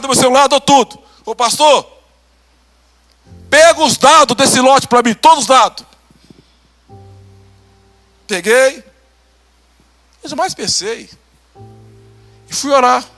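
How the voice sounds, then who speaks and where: A Brazilian pastor preaching a testimony sermon, acting out conversations and laughing as he tells it. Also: extremely high pitch. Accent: Brazilian Portuguese. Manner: animated, acts out dialogue, laughs.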